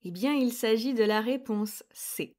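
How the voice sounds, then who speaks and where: A young woman presenting a scripted grammar quiz lesson, explaining slowly, clearly and deliberately. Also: fairly high pitch, darkish tone. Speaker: French grammar teacher.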